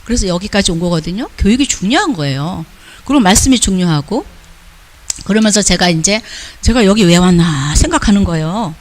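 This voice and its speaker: An older man, a missionary, giving a casual, lively report and mimicking the people he talks about. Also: high voice, fairly quick. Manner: lively storytelling, mimics others' talk. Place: church lecture hall.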